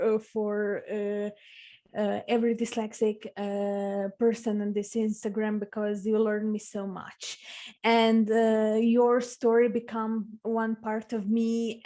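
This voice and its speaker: A young woman from Croatia with a Croatian accent, speaking halting non-native English as a guest author, full of uh fillers, on a video call. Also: on the high side, mellow. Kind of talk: video interview.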